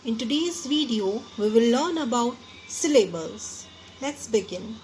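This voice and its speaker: A woman with an Indian English accent teaching a grammar lesson, explaining slowly in English, then quickly in Hindi, and stressing each example word. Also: fairly high pitch, animated, darkish tone, soft background music. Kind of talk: classroom lesson.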